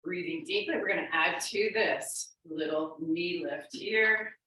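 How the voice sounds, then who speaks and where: Female fitness instructor, lowish pitch, unhurried encouraging step-by-step cues, recorded off-mic. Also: bright, forceful tone. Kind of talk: exercise class instruction, cueing and counting moves. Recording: very echoey room, distant microphone.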